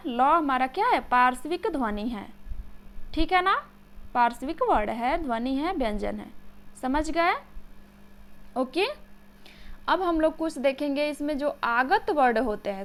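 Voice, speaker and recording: A woman teaching grammar for exam preparation, slowing down to spell out key terms and often checking whether students follow. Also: high-pitched. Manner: checks understanding with frequent "samajh gaye?"; slows down to dictate key terms. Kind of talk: exam-prep lesson explaining letters.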